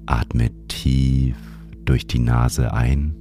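A man narrating a sleep meditation like a bedtime story narrator, guiding the listener gently and soothingly. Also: rumbling low, little pitch movement, drawn-out words. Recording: music behind the voice. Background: music.

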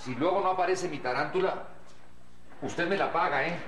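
A man's voice: fairly high pitch, normal speed, fairly bright tone, slight background noise, natural voice. An actor playing a prickly traveler who warns an official about his pet tarantula, in an old TV sketch. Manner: warning, prickly. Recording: roomy old TV sound.

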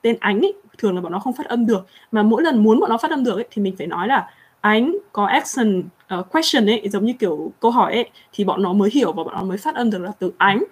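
A young woman hosting a casual live chat, answering viewer questions in a chatty, animated way. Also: mid-range voice, rapid-fire, hardly any pauses, husky. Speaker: livestream host.

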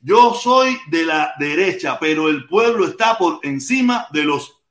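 A man's voice: a little high, animated, measured pace, a bit bright, echoey room. A man with a Cuban accent hosting a casual livestream and reading viewer comments. He rambles, repeats himself and curses crudely. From Cuba. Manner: rambling and repetitive, crude cursing. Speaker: livestream host.

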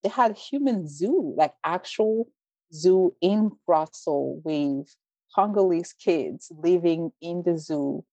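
A woman, from Belgium, speaking earnestly and in a measured way as an interview guest, often saying "like". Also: on the low side, animated, warm tone, dry recording, lo-fi sound. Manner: earnest, measured, frequent "like" fillers. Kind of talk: interview conversation.

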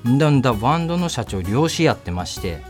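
A man's voice: medium pitch, very animated, brisk, faint music behind. A man from Tsugaru with a thick Tsugaru dialect, a sales representative giving a promotional interview in a radio studio. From Tsugaru, Aomori.

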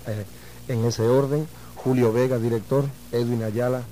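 A man from Uruguay, a guest musician answering interview questions in a reflective, measured way. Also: medium pitch, fairly even intonation, dark tone, slight background noise, poor audio.

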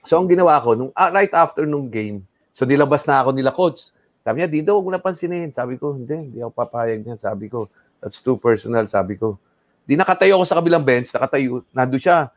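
The recording is dry: a middle-aged man with a mid-range voice tells a story at a quick pace as an interview guest. He's animated, code-switching between Tagalog and English while acting out others' remarks.

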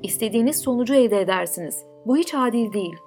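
A woman's voice: fairly high pitch, lively intonation, quick pace, darkish tone, faint music behind, close to an everyday voice. A woman voicing a stubborn, dreamy older male ferry captain in a storybook, earnest and pleading.

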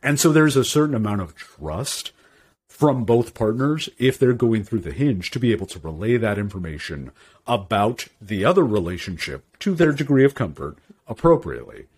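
Husky-voiced man with lively pitch. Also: normal speed. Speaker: podcast co-host. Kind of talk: casual podcast chat.

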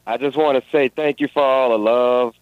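A young adult man calling in to a radio show over a phone line, talking in a halting, friendly way with many fillers. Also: mid-range voice, fairly even intonation, smooth, no room sound. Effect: heard over a phone line. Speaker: radio call-in caller. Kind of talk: casual call-in chat.

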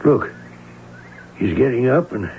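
A man's voice: medium pitch, animated, slow. An actor playing a neighbor man who watches and reports what he sees, in an old radio drama. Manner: observant, describing what he sees. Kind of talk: 1940s radio acting. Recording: noisy, tinny old radio recording.

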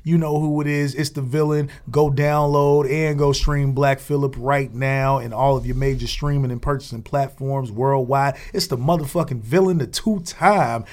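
A man hosting a podcast, announcing in a showy ringmaster style with drawn-out introductions. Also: mid-range voice, steady tone, a little mellow. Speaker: podcast host.

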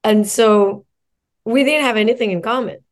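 In a relaxed interview, a guest from Morocco, a mindset coach, reflects on her own story while chaining phrases into lists. Her voice sits on the high side, and she talks at a moderate pace.

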